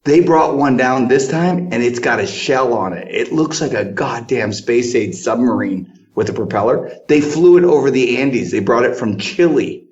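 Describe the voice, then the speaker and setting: A man co-hosting a podcast, telling stories in a relaxed, animated way from a tiled bathroom. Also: medium pitch, moderate pace, hardly any pauses, muffled recording. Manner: storytelling, animated, laughs while talking. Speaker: podcast co-host. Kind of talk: casual chat.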